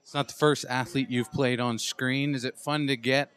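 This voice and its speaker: A man's voice: mid-range voice, fairly even intonation, normal speed, fairly bright tone. A man hosting red carpet interviews at a film premiere with upbeat promotional patter.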